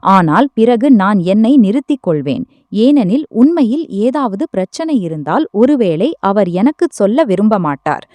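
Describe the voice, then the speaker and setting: A woman tells an emotional first-person family story in a steady, scripted narration. Her voice is warm and dark in tone, and her pitch moves widely through each sentence. The recording is close and dry, with no room sound. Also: normal speed, no room sound.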